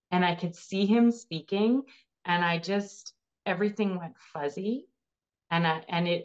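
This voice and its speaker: Low-voiced woman telling her story. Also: lo-fi sound. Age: 30s. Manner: earnest, emotional retelling. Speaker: cancer patient sharing her story. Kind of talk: personal storytelling interview.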